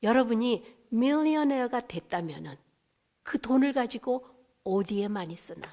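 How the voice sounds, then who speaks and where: A woman pastor speaks in a fairly high voice, sharing a personal testimony from the pulpit. She talks in a casual, chatty way, often putting questions to the congregation and slipping English words into her sentences. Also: lively intonation, moderate pace, dark tone. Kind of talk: testimony sermon.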